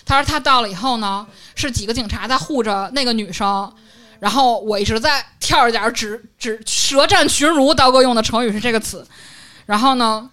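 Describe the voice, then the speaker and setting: Animated young woman telling a story. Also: a little high, moderate pace. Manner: lively, animated retelling, acts out quotes. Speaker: podcast co-host. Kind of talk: casual storytelling chat.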